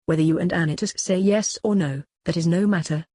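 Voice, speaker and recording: A reader voicing an aged philosopher on trial, cross-examining his accuser in a measured, questioning way in a dramatic reading. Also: medium pitch, mellow, no echo, clean studio sound, lightly acted. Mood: probing. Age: older. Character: aged male philosopher on trial, probing, ironic. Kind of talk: dramatic reading of a classical dialogue.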